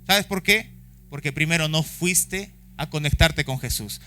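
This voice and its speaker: A man's voice: on the high side, unhurried, sharp tone. A man with a Chilean accent preaching a sermon at a church service, impassioned and acting out the voices of people he quotes. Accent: Chilean Spanish. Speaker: pastor.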